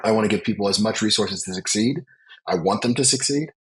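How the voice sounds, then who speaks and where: Husky-voiced man, earnest podcast guest. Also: fairly low pitch, fast, a bit bright, poor audio. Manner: earnest, reflective, emphatic. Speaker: business leader guest. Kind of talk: podcast interview.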